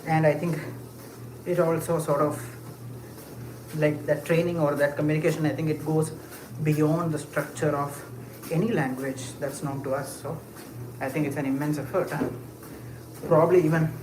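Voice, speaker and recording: At normal speed and with a level tone, a mid-range voice belongs to a streamer answering chat on the move. The casual live talk is full of fillers, idle musing and short laughs, recorded in an echoey place with distinct ambient noise.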